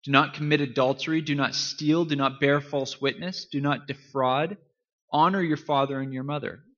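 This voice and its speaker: A man preaching a sermon as pastor, earnest and emphatic, with dramatic pauses. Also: a little high, fairly even intonation, fairly bright tone, dull audio.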